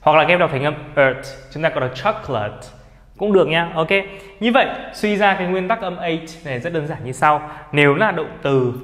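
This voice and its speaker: A man's voice: fairly high pitch, a little fast, a bit bright. Male teacher with Vietnamese accent, patient step-by-step explainer, roomy reverb. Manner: explains step by step, often asks for confirmation. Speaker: English teacher. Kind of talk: classroom lesson. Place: classroom with a board. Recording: echoey room.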